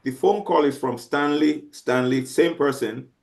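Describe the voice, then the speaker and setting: Halting male teacher giving a lecture. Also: on the high side, vocal fry, a little mellow. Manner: halting, many restarts and fillers, checks understanding often. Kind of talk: classroom lecture.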